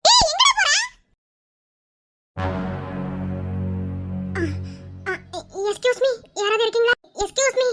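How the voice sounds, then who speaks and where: A woman's voice: extremely high pitch, fairly even intonation, brisk, music in the background. A woman voicing an anxious, secretive young college girl in a Tamil cartoon love story, teasing her friend one moment and pleading the next. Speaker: lead character in an animated love story.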